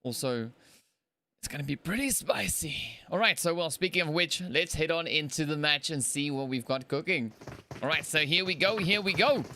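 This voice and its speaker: An African man casts a mobile battle royale event by himself on a live stream, his voice a little high and sharp with lively intonation at a normal pace, over slight background noise. The commentary is chatty and rambling, heavy on fillers, and he laughs at his own errors.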